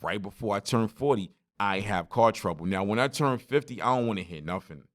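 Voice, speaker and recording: New guy in his 40s doing a solo podcast, kinda low voice, loud animated storytelling. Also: fairly quick. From Brooklyn, New York. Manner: animated storytelling, street slang, talks straight to listeners. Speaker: podcast host.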